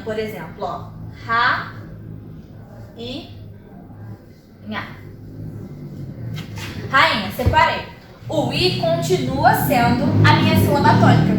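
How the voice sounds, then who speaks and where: A woman with a high voice walks through a grammar rule one step at a time, checking in with her listeners as she goes. She is recorded from a distance in a very echoey room with faint background hiss. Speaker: teacher. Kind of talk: grammar lesson at a whiteboard. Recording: very echoey room, voice far from mic.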